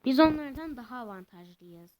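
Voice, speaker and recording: A young woman giving casual, excitable commentary while playing a video game, swinging between cheering and complaining. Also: sits high, brisk, lo-fi sound. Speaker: gameplay commentator.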